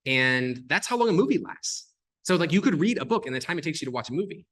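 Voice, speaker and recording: A man talking as a podcast guest, explaining things in a fast, animated way, full of "like" and "um" fillers. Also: fairly high pitch. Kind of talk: casual explanatory conversation.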